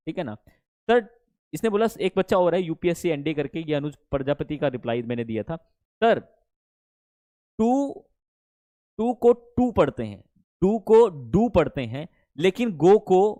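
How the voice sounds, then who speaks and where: Animated Indian man teaching English. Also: on the high side, dry recording. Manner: animated, coaxing, repeats "ठीक है ना?". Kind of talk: online spoken English lesson.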